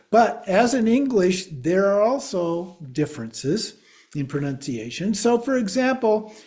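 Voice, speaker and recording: A man's voice: a little high, darkish tone. A man teaching a class on pronunciation, explaining step by step and checking in with his listeners. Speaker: Buddhist teacher.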